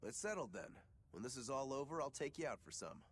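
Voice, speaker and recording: A blunt young swordsman from a game, voiced by a man, talking in a mid-pitched, matter-of-fact way. He sounds calm and direct. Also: brisk, a little hiss or hum, close to an everyday voice.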